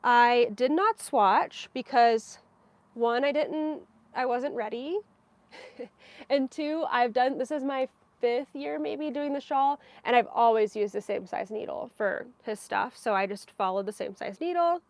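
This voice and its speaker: A woman's voice: a little high, a little slow, no room sound. A woman hosting her knitting podcast live, chatting casually with frequent little laughs and fillers. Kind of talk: casual live-stream chat.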